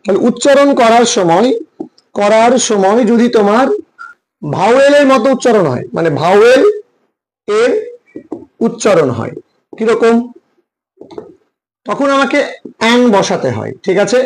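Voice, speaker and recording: Male English tutor, Bengali accent, very high voice, drills rules through repeated questions. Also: expressive, measured pace, pauses often, low-quality recording. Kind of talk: classroom lecture.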